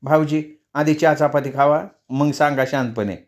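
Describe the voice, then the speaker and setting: A man voicing a sharp-tongued, doting village mother in a storybook reading. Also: fairly high pitch, steady tone, natural voice. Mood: teasing. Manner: scolding, quick retorts.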